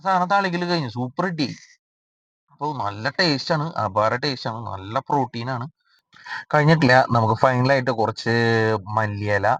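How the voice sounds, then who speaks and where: Man, from Kerala, casual cooking talk, rambling, drawn-out fillers, mid-pitched voice. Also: a bit bright, no echo. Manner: chatty, rambling, frequent drawn-out 'aa' fillers. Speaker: cooking vlogger.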